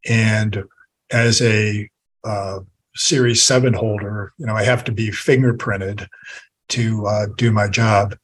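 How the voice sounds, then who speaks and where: Man, husky voice, author guest, measured storytelling, podcast interview. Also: lowish voice, fairly even intonation, rough recording.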